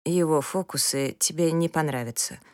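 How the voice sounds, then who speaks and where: A woman voicing a weary old father who talks slowly and low, with tired sighs. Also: darkish tone, no echo, clean studio sound, close to an everyday voice. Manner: slow, low, tired sighing delivery. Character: old weary father, gruff, slow-spoken musician.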